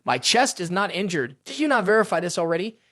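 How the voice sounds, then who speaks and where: A man's voice: high voice, sing-song, fast talker, fairly bright tone, dry recording, clean studio sound. A man voicing a scheming female senior disciple in a fantasy story recap, who plays sweet and innocent.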